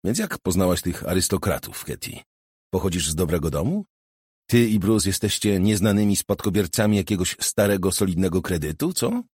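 A hardened, wary hustler who keeps his answers short and guarded, as a man reads him. The voice sits low and husky, recorded dry and close. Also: lively intonation, normal speed, darkish tone, no room sound.

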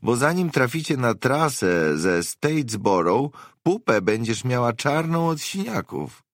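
A man putting on a brisk caring woman. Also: medium pitch, very animated, no echo, clean studio sound, pitched above the performer's own voice. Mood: warning. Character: practical caring adult woman.

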